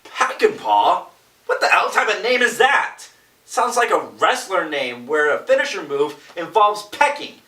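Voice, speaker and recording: A young man rants with exasperation and lots of swearing in a comedic movie review. His bright voice swings up and down. He sounds far from the mic in an echoey room. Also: sits high, sing-song, moderate pace. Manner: exasperated, profane ranting.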